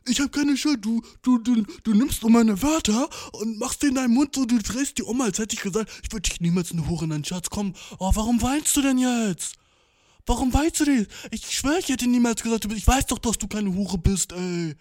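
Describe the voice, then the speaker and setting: A man's voice: very high-pitched, normal speed, a little mellow, voice pushed up. A man acting out a defensive young boyfriend who insists he was misunderstood, in a whiny, exasperated manner. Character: defensive young boyfriend twisting his words.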